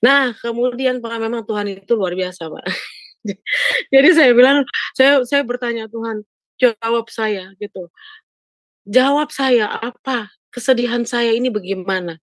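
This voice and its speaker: An older woman calls a pastor and chats her way through a personal story, often turning to him for agreement and tacking on "Pak, ya" again and again. Her voice sits fairly high and moves at a moderate pace. The recording is studio quality with no echo.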